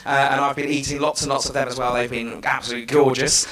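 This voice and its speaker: A man's voice: medium pitch, level tone, fast talker, fairly bright tone, echoey room. A man presenting a live online children's show in an upbeat, gushing way, repeating words for emphasis.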